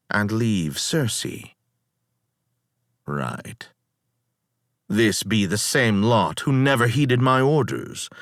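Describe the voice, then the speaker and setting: A man performing a dramatic poetic monologue as the proud, bitter ghost of Odysseus, measured, theatrical and sardonic in archaic phrasing. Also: mid-range voice, a bit bright, no echo, studio quality. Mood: bitter sarcasm. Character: weary, proud, bitter Odysseus's ghost recounting his voyage.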